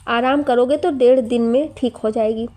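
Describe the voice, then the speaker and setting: A woman's voice: fairly high pitch, steady tone, normal speed, mellow, lightly acted. Woman doing a bossy, sarcastic young woman. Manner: scolding, mocking.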